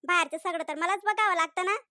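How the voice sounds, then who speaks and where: A sharp-tongued cartoon granny, voiced by a performer, scolding and sarcastic, pitched lower than the others. Her voice is dry and close to the mic. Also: fast talker, no echo, exaggerated voice. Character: scolding, mocking old grandmother. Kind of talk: cartoon voice acting.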